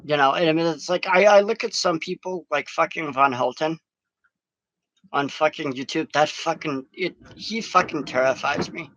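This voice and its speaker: A man's voice: a little high, normal speed, fairly bright tone, no room sound, muffled recording. A man recorded outdoors in strong wind, giving a rambling, profane vlog monologue. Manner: profane, ranting.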